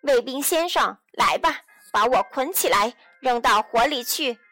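A woman's voice: sits high, lively intonation, a little slow, bright, forceful tone, no room sound, soft background music, exaggerated voice. A woman voicing a brave young wooden boy puppet in a children's audio storybook, speaking out with a bold, earnest tone. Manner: pleading, then proud and bold.

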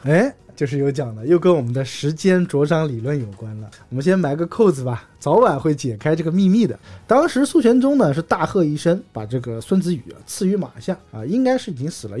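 A man hosting a casual podcast chat, retelling old novel episodes in a lively storytelling way with jokes. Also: on the high side, fast, hardly any pauses. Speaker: podcast host.

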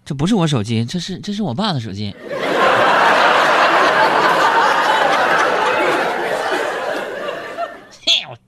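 A young man, hosting a live stream show and telling joking, animated stories about his family. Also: fairly high pitch, fast talker, hardly any pauses, breathy edge, a faint crowd. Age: young adult. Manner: joking, animated storyteller who acts out arguments. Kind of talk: comic storytelling monologue. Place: broadcast studio.

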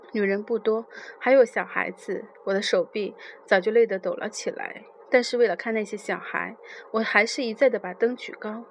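A woman narrating a literary novel in a soft, measured, unhurried reading voice. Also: medium pitch, slight background noise.

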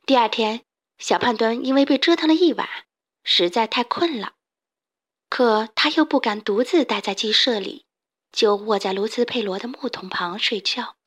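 A woman narrating a children's storybook in a clear, expressive way. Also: on the high side, moderate pace.

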